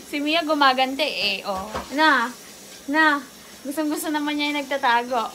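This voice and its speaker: A woman's voice: high voice, measured pace, pushed and bright, slight background noise. A woman, a mother vlogging casually at home, chatting while mixing Tagalog and English. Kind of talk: casual vlog.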